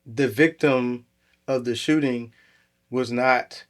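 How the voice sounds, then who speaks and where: A man co-hosts a casual podcast, speaking in a lively, animated way. He tosses in quick asides and often repeats words as he restarts, at a mid pitch. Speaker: podcast co-host. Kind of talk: casual conversation.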